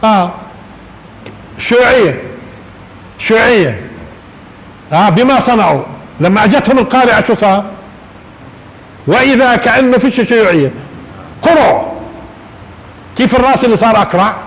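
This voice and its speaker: High-voiced man lecturing in an echoing hall. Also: lively intonation, a little fast, pauses often, fairly bright tone. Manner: asks the audience rhetorical questions and chuckles often. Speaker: religious lecturer. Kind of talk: religious lecture to a live audience. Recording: reverberant hall with faint noise.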